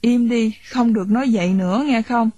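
A woman's voice: a little high, fairly quick, mellow, husky, dry recording. A woman voicing a stern old father in a storybook reading, giving curt, scolding commands.

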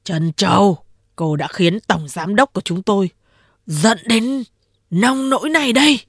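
A woman's voice: medium pitch, measured pace, husky, no echo, clean studio sound. A woman voicing a loyal male underling who anxiously coaxes his boss and rebukes a young woman indignantly. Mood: fretful.

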